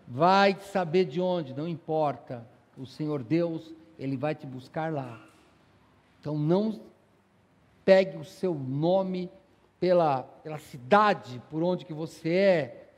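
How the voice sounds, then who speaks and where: High-voiced São pastor, echoing hall. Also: male voice. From São Paulo, Brazil. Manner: animated preaching with rhetorical questions. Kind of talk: sermon. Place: church sanctuary. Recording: long church-hall reverb.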